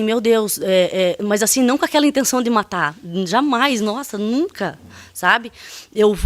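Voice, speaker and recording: Woman, mid-pitched voice, testifying at a hearing, hesitant and emotional. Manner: halting, full of fillers and restarts; emotional, voice rising as she recounts. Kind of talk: courtroom testimony.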